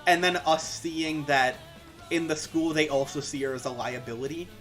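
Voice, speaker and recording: A woman's voice: low-pitched, steady tone, a bit bright, faint music behind. A woman leading a casual debate chat, reading out points and keeping things moving. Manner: brisk, moves things along.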